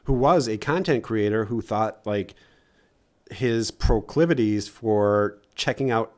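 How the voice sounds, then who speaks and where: A man speaking through a voice changer as co-host of a casual livestream, halting and stammering with frequent restarts. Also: fairly low pitch. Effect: voice changer disguising his voice. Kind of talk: casual chat reading donations.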